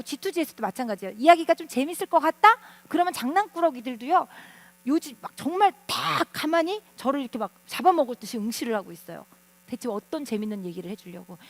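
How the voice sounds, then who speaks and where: High-voiced woman lecturing parents. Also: no room sound. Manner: animated, asks the audience questions. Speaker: teacher speaking at a parent seminar.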